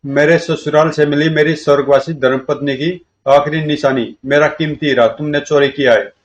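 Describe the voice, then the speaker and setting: A man's voice: on the high side, fairly even intonation, moderate pace, natural voice. A man voicing a stern, wealthy older master who scolds and accuses his servants. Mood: accusing. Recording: dull lo-fi recording.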